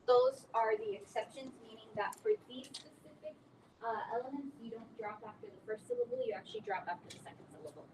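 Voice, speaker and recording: High-voiced teacher, distant and noisy. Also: female voice, wildly swooping pitch, quick pace, a little mellow. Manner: patient, spells out word endings letter by letter. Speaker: chemistry teacher. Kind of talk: recorded classroom lesson. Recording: distant mic with clear background noise.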